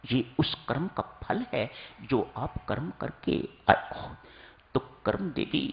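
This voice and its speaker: Male preacher, unhurried and teaching, pitch rising and falling widely. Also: expressive, creaky, highs cut off, a little hiss or hum. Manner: slow, instructive, addresses listeners as seekers. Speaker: spiritual preacher. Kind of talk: sermon.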